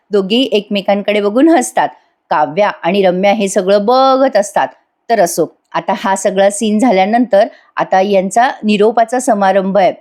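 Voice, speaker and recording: A woman's voice: mid-range voice, warm tone. A woman giving a chatty voice-over review of a TV serial episode, talking straight to her viewers. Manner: chatty, addresses viewers, laughs often.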